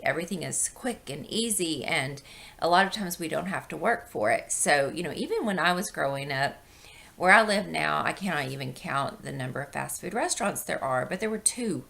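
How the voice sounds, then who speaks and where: A middle-aged woman with a low, hoarse voice full of gravelly creak and a wheezy edge. She speaks like a video blogger chatting to followers, rambling conversationally as she explains things. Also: fairly bright tone. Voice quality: wheezy, breathy intake from asthma. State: hoarse with a chest infection. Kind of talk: casual personal vlog.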